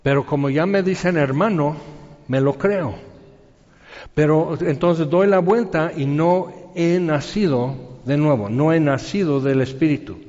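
A man's voice: fairly high pitch, measured pace, highs cut off. Man preaching in a reverberant hall. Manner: conversational, animated storytelling with quoted voices. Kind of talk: sermon.

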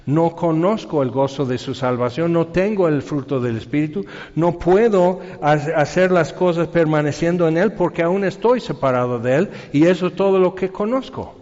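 Preacher, male, fairly high voice, lively storytelling delivery, long hall reverb, dull lo-fi sound. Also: normal speed, few pauses. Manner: conversational, animated storytelling with quoted voices. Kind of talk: sermon.

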